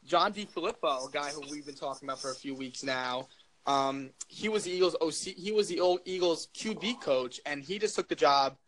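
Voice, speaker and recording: A man's voice: fairly high pitch, a little fast, fairly bright tone, a little hiss or hum, rough recording. A young man hosting a casual sports podcast, asking questions and rambling with lots of fillers. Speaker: podcast host.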